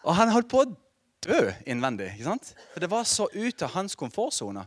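A middle-aged man preaching a sermon as pastor, telling a story with lively asides and laughter to the congregation. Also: sits high, no echo.

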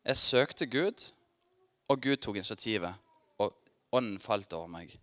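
A man preaching in a church, talking informally to his congregation, laughing often, asking people questions and growing loud and excited when telling his own story. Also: fairly low pitch. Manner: informal and chatty, with filler words and restarts, laughing often; asks the congregation questions and addresses them by name. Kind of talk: conversational sermon with personal testimony.

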